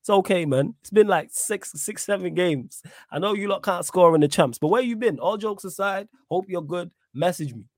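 A man's voice: sits high, normal speed, hardly any pauses, a little mellow, no echo, studio quality. A man with a London roadman accent hosting a livestream, chatting casually in slang. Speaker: livestream host.

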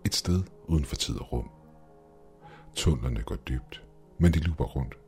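Brief: a man doing an older double of the hero, very deep, urgent and pleading, horror audiobook. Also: lively intonation, a little mellow, soft background music. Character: older male double of the narrator, urgent, insistent.

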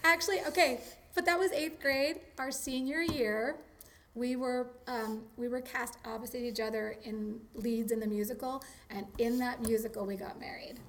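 A woman talking casually in an interview, chatty and animated, with lots of likes and ums. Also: a little high, normal speed, a little hiss or hum. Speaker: interviewee, teacher.

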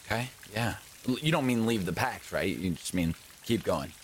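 A man's voice: on the low side, lively intonation, moderate pace, slight background noise. A man playing a tabletop game, upbeat and encouraging, giving little pep talks in casual banter. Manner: upbeat, pep-talk cheerleading. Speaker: tabletop player.

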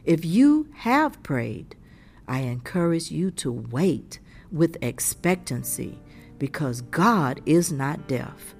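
A woman's voice: sits low, sing-song, takes it slowly, a little mellow, soft background music. A woman giving a scripted devotional message in an earnest, encouraging way. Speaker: devotional speaker.

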